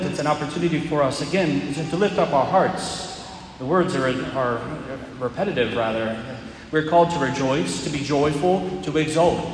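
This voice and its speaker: Man preaching in cathedral-like echo. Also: mid-range voice. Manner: solemn, measured with deliberate pauses. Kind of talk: liturgical reading and homily. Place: large reverberant church during Mass. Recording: very echoey church, long reverb, faint noise.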